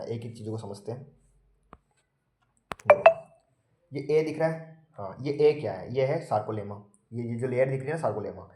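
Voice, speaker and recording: A man's voice: medium pitch, a little mellow. A man teaching a nursing class, casually asking and answering his own questions while walking through diagrams. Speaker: nursing tutor. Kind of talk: casual lecture explaining diagrams. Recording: echoey room.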